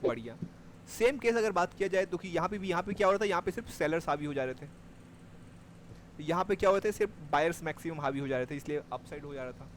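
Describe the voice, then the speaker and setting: A man's voice: a little high, quick pace, a little hiss or hum. A man teaching a live class on trading, explaining step by step and checking that his students follow. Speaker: stock market trading teacher.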